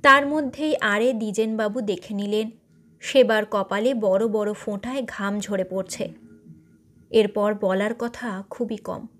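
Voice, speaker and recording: A woman storyteller reading a short story aloud in a measured, expressive narration. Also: mid-range voice.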